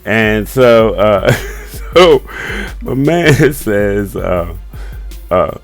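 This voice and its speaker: A man's voice: lowish voice, animated, extremely slow, faint music behind. A man in his sixties hosting a casual comic book review, rambling with many fillers and chuckles. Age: 60s. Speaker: host.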